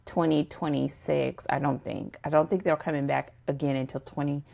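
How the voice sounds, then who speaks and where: Low gravelly woman podcast host. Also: fairly even intonation, normal speed, warm tone. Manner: emphatic, addresses listeners directly. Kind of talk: casual conversational podcast.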